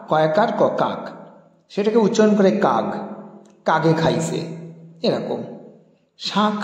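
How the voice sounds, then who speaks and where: A man teaching a lesson, spelling out example words one by one and stressing each new example. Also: a little mellow. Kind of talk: spoken lecture on Bengali dialects. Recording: echoey, dull, low-fidelity room.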